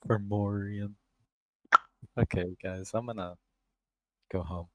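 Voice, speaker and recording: A man's voice: fairly low pitch, fairly even intonation, takes it slowly, dark tone, no echo, rough recording. A man chatting casually as a player in a tabletop game, wry and prone to swearing.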